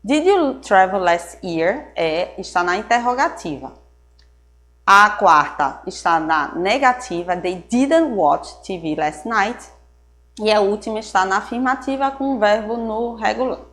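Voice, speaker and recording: A woman's voice: medium pitch, lively intonation, unhurried, fairly bright tone, slight background noise. Woman teacher with a Brazilian accent. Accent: Brazilian Portuguese. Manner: explains step by step, often checking understanding with "tá?"; mixes English words into Portuguese explanations. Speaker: English teacher. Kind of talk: recorded classroom lesson. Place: teaching at a board.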